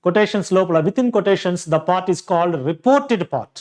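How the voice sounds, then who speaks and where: Slow, high-voiced Telugu-accented male teacher. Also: a little mellow. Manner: slow, repeats examples and lists word by word. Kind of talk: grammar lesson.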